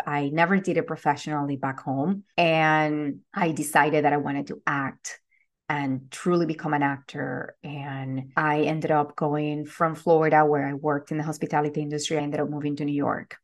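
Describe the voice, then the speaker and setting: This is a woman with a notably low voice, speaking solo on her podcast. She talks earnestly and from the heart. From Venezuela. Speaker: podcast host. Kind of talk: personal storytelling monologue.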